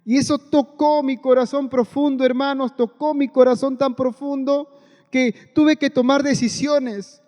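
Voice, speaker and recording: High-voiced man preaching in a reverberant hall. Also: fairly even intonation, measured pace, a little mellow, muffled recording. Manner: earnest, repeats phrases, keeps addressing the congregation. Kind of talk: sermon.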